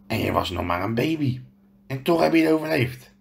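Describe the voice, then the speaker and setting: A man reads a storybook aloud, taking on the voice of a huge half-giant, gruff yet kindly, who recounts his story with earnest hesitation. The delivery is medium-pitched, very animated, and fairly quick.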